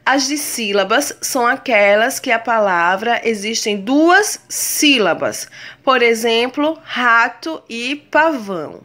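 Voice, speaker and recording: A woman teacher speaks in a bright, clear voice, taking her time over each word. Her pitch rises and falls freely as she stretches words out syllable by syllable for her pupils. She calls the class her darlings. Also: expressive. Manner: slow, drawn-out spelling of words syllable by syllable; affectionate, addresses pupils as darlings. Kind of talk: recorded remote lesson.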